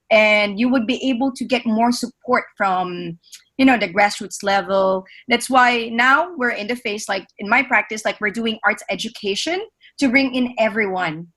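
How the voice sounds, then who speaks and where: Woman webinar speaker, fairly high voice, chatty, filler-heavy answer. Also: pushed and bright. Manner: conversational, many fillers. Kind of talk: answering audience question.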